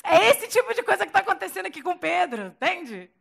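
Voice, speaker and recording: Bright, high-voiced Brazilian woman preacher. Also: big pitch swings, fast talker, creaky. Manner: playful, slangy, acts out scenes. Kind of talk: lively storytelling sermon.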